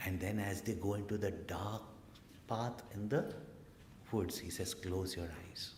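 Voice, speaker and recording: A man telling a story in a spiritual discourse, acting out the people he quotes and dropping to a hush for suspense. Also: fairly low pitch, a little slow. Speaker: spiritual teacher. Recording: echoey hall, faint noise.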